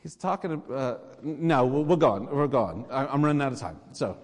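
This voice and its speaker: A man's voice: medium pitch, normal speed. Male pastor preaching, earnest and chatty, punchy urging, big church echo. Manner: earnest, conversational, with emphatic exhortations. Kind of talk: sermon. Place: church sanctuary. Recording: long reverb of a church sanctuary.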